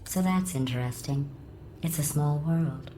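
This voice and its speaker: A woman voicing a cold, sarcastic female AI that runs test chambers, speaking through a robotic filter in a deadpan, mocking way. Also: low-pitched, measured pace. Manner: deadpan, mocking, passive-aggressive. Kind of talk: video game dialogue. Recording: echoey with steady background noise.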